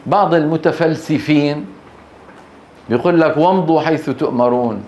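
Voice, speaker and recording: Teaching the Quran in a Grozny classroom, a man often prompts his students with brief questions and lengthens recited words. He speaks at a moderate pace in a fairly high, darkish voice, with room echo and a faint hiss in the background.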